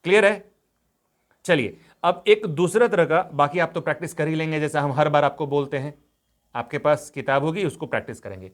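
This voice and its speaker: A man's voice: on the high side, fairly quick. A man teaching a grammar lesson, patiently dictating examples word by word and asking the students questions. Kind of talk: grammar lesson, explaining step by step.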